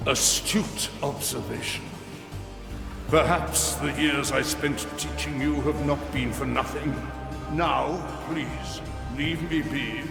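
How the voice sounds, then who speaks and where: Gravelly, pompous ancient game mentor. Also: male voice, mid-range voice, steady tone. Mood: strained, dry. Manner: pompous, deliberate, formal phrasing. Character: ancient pompous male soul-mage mentor, proud and bitter. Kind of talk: video game voice acting. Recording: long cavernous reverb, loud music behind.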